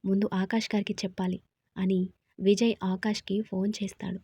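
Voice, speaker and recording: A woman narrating an audio story with steady, expressive reading. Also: medium pitch, moderate pace, breathy edge, no room sound.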